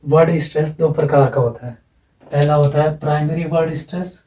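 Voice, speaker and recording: A man's voice: on the high side, fairly even intonation, dark tone, far from the mic, slight background noise. Man teaching in an echoey room. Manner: explains slowly with repetition and asides. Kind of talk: classroom lecture on English phonetics.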